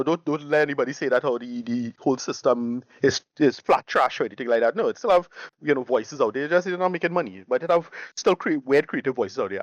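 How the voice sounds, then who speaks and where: This lo-fi recording with no room sound features a man with a mid-range voice co-hosting a podcast. In casual conversation about his favourite games, he keeps restarting phrases and leans heavily on enthusiastic slang.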